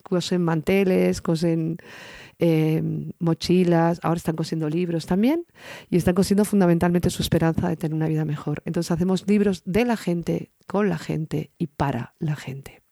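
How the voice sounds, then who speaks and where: A woman interview guest describing a community project in an earnest way, slowing down on key phrases. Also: fairly low pitch, fairly even intonation, warm tone, dry recording, studio quality. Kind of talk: conversational interview.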